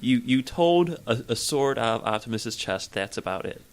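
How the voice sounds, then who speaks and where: A man's voice: medium pitch, lively intonation, normal speed. A man in a casual roundtable movie review, rambling and joking, with laughs between his remarks. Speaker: film reviewer.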